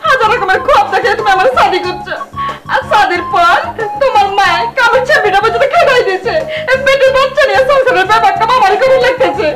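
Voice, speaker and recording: Young village wife, comic, sobbing, rustic dialect, very high voice, echoey room. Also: female voice, expressive, fast, music in the background. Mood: sobbing complaint. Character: loud, quarrelsome young village wife who sobs theatrically. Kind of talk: comic TV drama acting.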